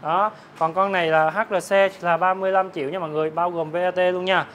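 A man, a motorbike dealer, giving a hard-sell promotional sales pitch to viewers, repeatedly rattling off prices. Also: level tone, quick pace, fairly bright tone, muffled recording, a little hiss or hum. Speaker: motorbike dealer presenting his stock. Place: large open-sided metal-roofed motorbike warehouse.

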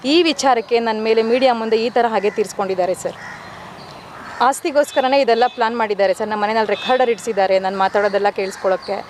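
Widowed woman in her forties, fast and pleading, on the street with loud crows behind her. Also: a little high, fairly even intonation, slight background noise. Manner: urgent, pleading, keeps addressing the reporter as sir. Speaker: widow making a complaint to reporters. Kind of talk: news interview statement.

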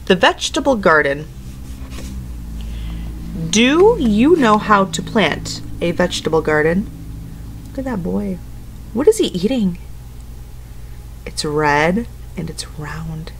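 The audio is poor in this home living room recording of a medium-pitched woman in her thirties reading a picture book to little children like a teacher. Keeping her words simple, she mixes the story's text with asides and questions for her listeners.

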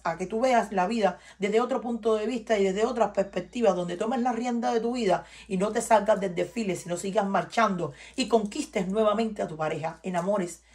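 In a mid-range voice that is a little mellow and slightly rough, a Cuban woman gives her viewers a tarot reading. She speaks with a Cuban Spanish accent, sounding emphatic and preachy, and often repeats herself.

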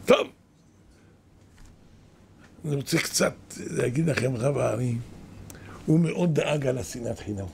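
Gravelly older man giving a sermon. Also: mid-range voice, pauses often, slight background noise. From Israel. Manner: animated, exclaiming and lamenting, storytelling. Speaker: kabbalist rabbi, yeshiva head. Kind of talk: weekly Torah lesson, sermon. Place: yeshiva study hall.

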